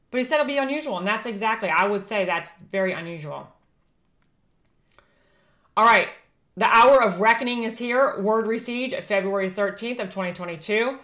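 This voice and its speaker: A woman's voice: mid-range voice, fairly bright tone. An American woman presenting prophecies informally, reading aloud and adding emphatic, admonishing asides.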